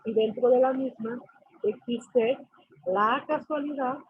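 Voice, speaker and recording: A woman's voice: fairly high pitch, slow, husky. A woman teacher lecturing a class, explaining with questions and acted-out student replies. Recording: tinny phone-like call audio with faint hiss.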